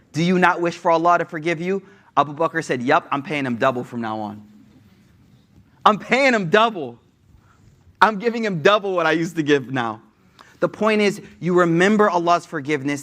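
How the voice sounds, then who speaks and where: Man, young adult, casual religious talk, energetic, slangy, restarts often, somewhat high-pitched. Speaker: Islamic speaker.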